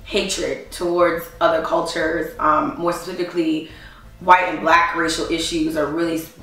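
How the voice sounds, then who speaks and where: A woman's voice: low-pitched, little pitch movement, normal speed, fairly bright tone. Earnest woman co-host, echoey room. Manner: earnest, chiming in with agreement. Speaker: podcast co-host. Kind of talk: casual chat. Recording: echoey room, mic far off.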